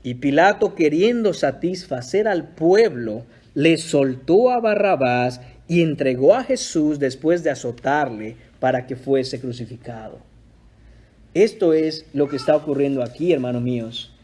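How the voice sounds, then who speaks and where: Male pastor, high voice, emphatic, dramatic sermon delivery. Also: lively intonation, measured pace, darkish tone. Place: church.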